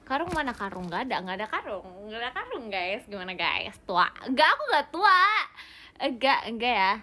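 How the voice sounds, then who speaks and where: Speaking quickly in a mid-range, pushed and bright voice with lively intonation, a young woman runs a casual phone livestream from an indoor room. The idol livestreamer stays bubbly and giggly while going through fan comments and thanking fans.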